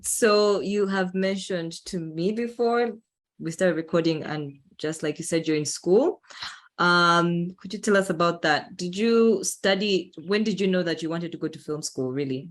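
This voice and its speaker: A woman from Uganda hosting a podcast interview, relaxed and hesitant with fillers. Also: fairly low pitch, measured pace. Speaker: podcast host. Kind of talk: casual interview.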